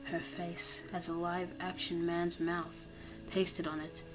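A woman with a fairly low voice reads a creepypasta horror tale in a steady scripted tone. Her voice goes hushed and slow for the grim parts, over clear background music. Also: rough recording. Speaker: creepypasta narrator. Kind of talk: scripted horror story narration.

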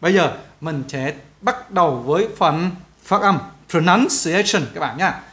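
A male English teacher, giving a pronunciation lesson and saying example words slowly, stretching the vowels. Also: a little high, fairly bright tone.

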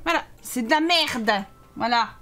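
A young woman giving casual commentary while playing a life-sim game, animated and exclaiming, swearing when things go wrong. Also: fairly high pitch, unhurried, soft background music. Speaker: gaming YouTuber. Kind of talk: casual let's-play commentary.

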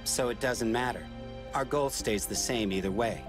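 A man's voice: medium pitch, moderate pace, over music, close to an everyday voice. An actor playing a cool, sardonic young male android in a video game, with a wry, cocky way of talking. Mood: cool, resigned. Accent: American. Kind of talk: video game cutscene acting.

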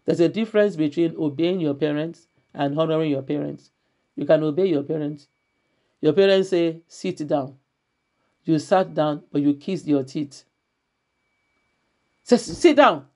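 A woman's voice: sits low, normal speed, warm tone. A woman pastor preaching a church sermon, repeating her key phrases emphatically and reading scripture aloud.

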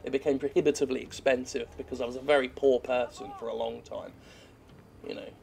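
A man's voice: medium pitch, fairly even intonation, quick pace, vocal fry, a little mellow, faint music behind. A British man giving casual, rambling and self-deprecating gameplay commentary, swearing freely as he plays. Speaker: gamer commentating over gameplay. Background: faint video game action sounds.

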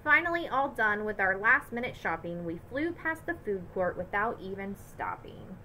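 Bright, expressive woman reading aloud. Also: mid-range voice, normal speed, slight background noise, low-quality recording. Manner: lively, expressive storytelling. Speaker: teacher. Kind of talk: reading a picture book aloud to children.

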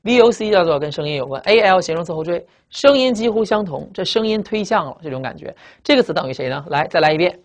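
Man, classroom vocabulary lecture, fast talker, repeats and spells words aloud. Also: sits high. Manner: lively, drawn-out spelling and repetition, frequent "啊" tags. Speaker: English vocabulary teacher. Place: classroom with blackboard.

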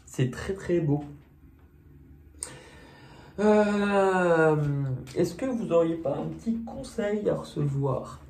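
A man's voice: sits high, expressive, slow pace, vocal fry, long pauses, a little mellow. Male tarot reader, casual and chatty, hesitant with fillers, self-mocking; roomy echo, faint noise. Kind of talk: casual monthly tarot reading. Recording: echoey room, faint noise.

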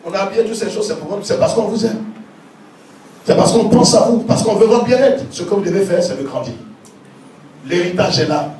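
A man preaching a sermon as pastor, animated, often acting out quoted church members. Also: high voice, fairly quick, long pauses. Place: church hall. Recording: very echoey hall, distant mic, faint noise.

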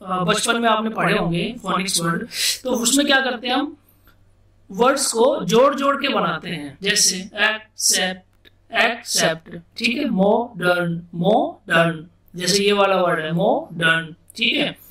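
A man with an Indian accent teaching English vocabulary in a casual classroom style, repeating words slowly and asking himself questions as he explains. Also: high voice, sharp tone. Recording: echoey room, distant mic.

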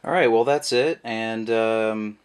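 Here a product reviewer with a fairly low, clean-toned voice takes things slowly. His how-to demo is casual and rambling, thick with fillers, recorded by the camera mic while he sits at a table indoors.

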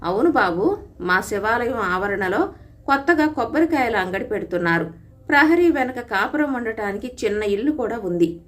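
Storybook figure: a gentle, reassuring old priest, voiced by a woman reader. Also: a little high, expressive, normal speed, lightly acted. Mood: kindly, calm. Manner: kind and reassuring. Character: kindly older male temple priest, a family friend.

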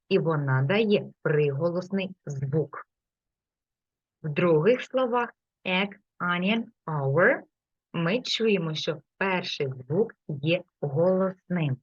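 A patient woman teacher walks a learner through English examples, saying each word slowly and clearly. Her voice sits fairly low. The recording is dull and lo-fi, with a dry sound. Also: dry recording. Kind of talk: explaining a lesson to a learner.

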